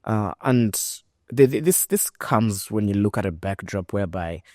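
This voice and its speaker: Deep-voiced male podcast host. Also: normal speed, no echo, clean studio sound. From Rwanda. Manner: lively, emphatic, with frequent fillers. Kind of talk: conversational interview.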